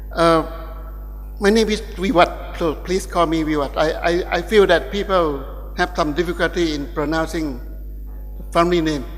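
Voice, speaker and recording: A man from Thailand with a Thai accent, giving a keynote lecture at a university ceremony in a halting way, with many restarts. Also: on the high side, long reverb tail. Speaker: guest lecturer. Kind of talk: academic keynote speech. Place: large ceremonial hall.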